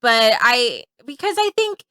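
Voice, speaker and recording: A woman co-hosting a casual recap podcast. She backs up her partner with quick agreements and adds her own points. Her voice is bright and a bit high, with a dry, close sound. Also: sing-song, no echo. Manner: agreeable, chimes in with short replies and added points. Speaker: podcast co-host.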